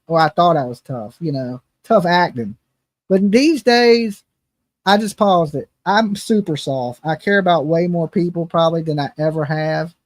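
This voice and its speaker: A man in his fifties who hosts a true crime channel chats on a casual livestream in a high-sitting voice, with no room sound. He rambles, is blunt and self-mocking, and keeps tossing in "right?" and "okay?".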